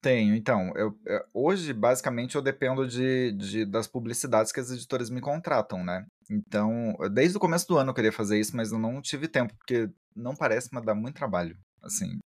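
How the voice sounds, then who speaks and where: A man chatting as an interview guest, talking in halting bursts with many restarts and describing himself as shy. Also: mid-range voice, no room sound, clean studio sound. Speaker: interview guest, book content creator. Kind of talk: casual interview chat.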